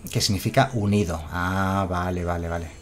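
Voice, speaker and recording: A man's voice: sits low, steady tone, moderate pace. A man from Spain, chatting casually on a live stream and reading out chat messages.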